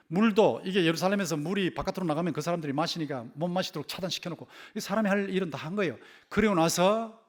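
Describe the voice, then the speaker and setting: Male pastor, higher-pitched voice, emphatic Sunday-sermon delivery with repeated key words. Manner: asks the congregation rhetorical questions. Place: church sanctuary.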